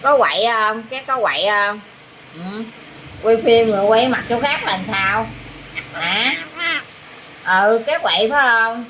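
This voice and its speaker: A woman's voice: a little high, slow, long pauses, sharp tone, a little hiss or hum. A woman with a Southern Vietnamese accent talking to her pet parrot, teasing it and asking it questions over and over. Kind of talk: casual talk to a pet.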